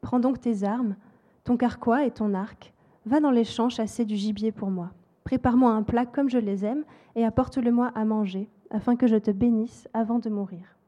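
A woman voicing a blind old patriarch who speaks in grave, measured pronouncements. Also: fairly high pitch, fairly even intonation, warm tone, muffled recording, lightly acted. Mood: solemn.

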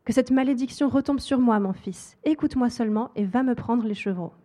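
A woman's voice: a little high, brisk, warm tone, natural voice. A woman voicing a scheming mother who gives firm, direct orders.

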